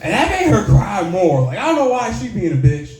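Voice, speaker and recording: Man, stand-up comedian, deadpan storytelling, higher voice, echoey club room. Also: fairly quick, a crowd in the background. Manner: laid-back storytelling, deadpan punchlines. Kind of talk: stand-up set.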